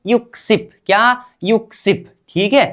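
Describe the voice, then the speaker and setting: Woman teacher drilling a class, slow and patient, keeps asking "what?". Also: a little high. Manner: drills by repeated call-and-response questions. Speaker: language teacher. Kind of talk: classroom language lesson.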